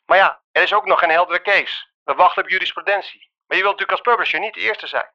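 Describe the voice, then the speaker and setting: A man's voice: high-pitched, quick pace, bright, forceful tone. A man leaving a voicemail message, heard played back over a phone line, reading out a news report in a businesslike manner. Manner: businesslike, reads a report aloud. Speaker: caller. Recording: dull lo-fi phone playback.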